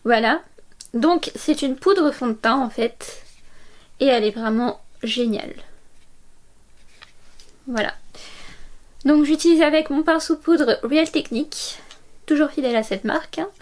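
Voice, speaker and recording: High-voiced young woman doing a makeup tutorial, chatty, lots of ums, gushes over products. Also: a little slow, long pauses. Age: 20s. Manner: chatty, many fillers, enthusiastic about products. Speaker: beauty vlogger.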